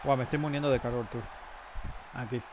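A man giving casual, excitable live commentary on the game he is playing. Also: mid-range voice. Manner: excitable, frequent quick exclamations. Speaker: streamer. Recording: noisy game sound underneath.

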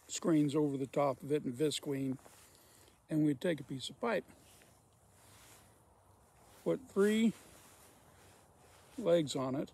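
Gravelly folksy man telling stories. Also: fairly high pitch, mellow. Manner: folksy, rambling, repeats himself. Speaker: storyteller, former welder. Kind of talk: casual spoken storytelling.

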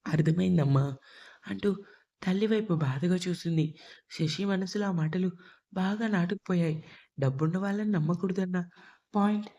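A woman narrating a love story for an audio storybook, reading in a calm, measured way. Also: on the low side.

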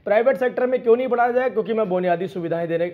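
A man speaking as an opposition panelist on a televised political debate, measured and explanatory, addressing his opponents directly. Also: high voice. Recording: tinny phone-line connection.

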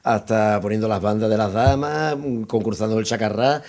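A man's voice: lowish voice, normal speed, a little mellow. An Andalusian man in his fifties making informal, modest, slightly hesitant remarks at a press conference. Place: indoor press room. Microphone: table microphone.

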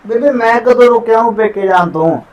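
A man's voice: extremely high pitch, brisk, lo-fi sound. A young man playing a dutiful farmer son and husband, talking in a defensive, reassuring way. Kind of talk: village family short-film acting.

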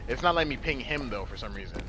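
A man's voice: medium pitch, expressive, very fast, music in the background, low-quality recording. A man chatting casually during co-op gameplay, nervous and calling things out to teammates. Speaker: gamer.

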